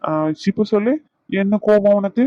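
A woman's voice: mid-range voice, level tone, moderate pace, warm tone, no echo, lightly acted. A woman voicing a playful young husband in a cartoon, teasing and coaxing his wife. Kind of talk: cartoon voice acting. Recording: slightly dull, dry lo-fi sound.

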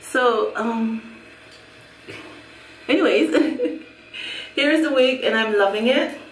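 A middle-aged Jamaican woman, a hair vlogger, reviews a wig casually from a small room at home, chatting, laughing often and repeating herself. Her fairly high voice is very slow and recorded from a distance, a little off mic in an echoey room, with slight background noise.

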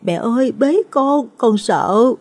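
A terrified four-year-old boy cries for his mother in a thin, high whine, voiced by a woman narrator. The voice swoops around a lot and carries a soft, husky edge. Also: expressive, takes it slowly. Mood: pleading. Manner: whiny, pleading, high-pitched.

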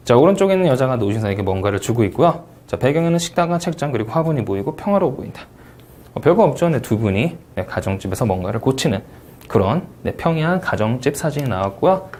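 Man, Korean accent, test-prep lecturer, rhetorical questions, very expressive pitch. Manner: animated, asks and answers his own questions. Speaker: TOEIC Speaking instructor. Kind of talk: recorded exam review lecture.

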